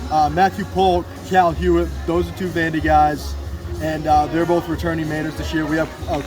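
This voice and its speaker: A man in his twenties, the PA announcer and radio producer for a baseball team, gives a casual, enthusiastic interview outdoors with music playing behind him. His voice is a little high with little pitch movement, at a moderate pace, and the recording is rough.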